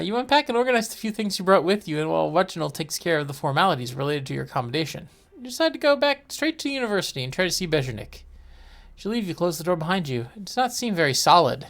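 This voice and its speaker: Animated game narrator with joking asides. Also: medium pitch, fast. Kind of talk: reading aloud a horror game narrative with asides.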